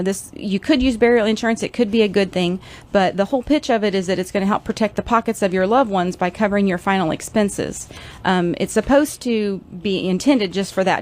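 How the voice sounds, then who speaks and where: Conversational woman radio co-host. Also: medium pitch. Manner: conversational, explanatory, with fillers. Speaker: radio show co-host, financial planner. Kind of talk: casual radio chat.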